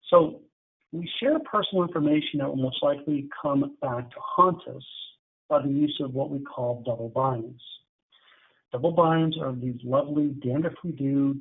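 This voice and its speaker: Over tinny, phone-like webinar audio, a middle-aged therapist talks candidly about addiction treatment. His mid-range voice is a little slow with a breathy edge, and he keeps things conversational, performing client dialogues as he goes.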